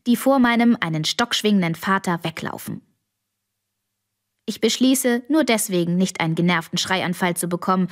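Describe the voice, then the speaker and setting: Woman reading a first-person audiobook, expressive, whispery at times. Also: mid-range voice. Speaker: audiobook narrator.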